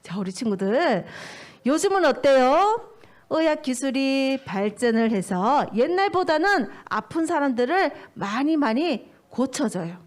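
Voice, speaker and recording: A woman preaching to small children, telling a story with animated, exaggerated delivery. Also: sits high, unhurried. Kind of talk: storytelling sermon for young children.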